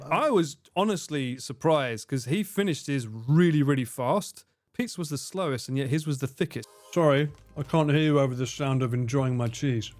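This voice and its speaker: A man with an Essex accent chatting casually on a livestream in a jokey, sweary, expressive way. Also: medium pitch, moderate pace, faint music behind. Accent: Essex English. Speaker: streamer reacting to video edits.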